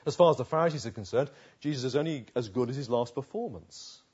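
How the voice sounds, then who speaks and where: A man's voice: medium pitch, fast, breathy edge. A man preaching an expository sermon, telling the story dramatically and voicing the people in it. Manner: dramatic storytelling, voicing quoted figures, swings from loud emphasis to soft asides. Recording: dull lo-fi recording.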